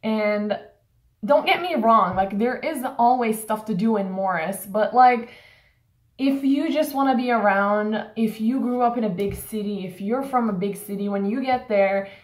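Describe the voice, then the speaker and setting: A Turkish college student in her young adult years rants in a casual vlog, her fairly high voice a little slow and peppered with fillers. She complains openly from a small indoor room with a roomy sound.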